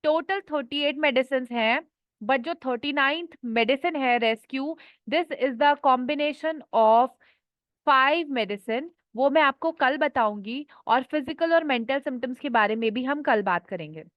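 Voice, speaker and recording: A woman's voice: sits high, dry recording, dull audio. A woman teaching an online class, reading out a list of names one at a time. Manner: slow, listing names one by one.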